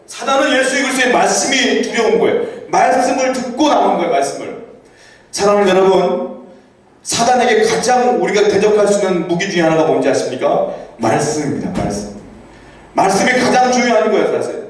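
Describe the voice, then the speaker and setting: High-voiced man preaching in an echoey church. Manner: conversational preaching with rhetorical questions to the congregation; reads scripture aloud slowly and deliberately. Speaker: pastor. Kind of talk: sermon. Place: church sanctuary. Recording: echoey church hall from a distant mic.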